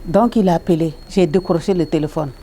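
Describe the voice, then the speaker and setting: A woman, a religious sister, recounts her years in a hospital chaplaincy as a personal faith testimony. Her voice is soft, dark and warm. She circles back over the same phrases and leaps sharply upward when she acts out the people she quotes. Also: fairly quick, slight background noise. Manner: repetitive, retells with quoted dialogue and sudden high leaps.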